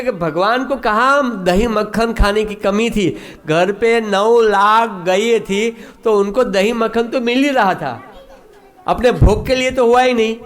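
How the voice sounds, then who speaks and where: Bright-voiced male preacher telling stories. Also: sits high. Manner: animated, acts out characters. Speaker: ISKCON preacher. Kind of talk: sermon with storytelling.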